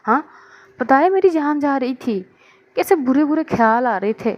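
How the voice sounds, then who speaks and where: A woman's voice: high voice, animated, normal speed, dull audio, voice pushed up. A woman voicing a young woman who frets and scolds her partner for coming home late. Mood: worried. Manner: worried, scolding and pouting. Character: young woman Muskan, anxious and sulky lover.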